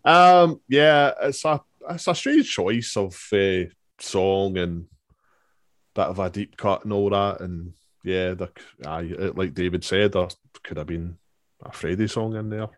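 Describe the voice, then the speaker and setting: A Scottish man with a lowish voice chats casually, stopping often for ums and uhs. His voice sounds dry and close to the mic. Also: unhurried, no echo. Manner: hesitant, many ums and uhs. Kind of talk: casual chat.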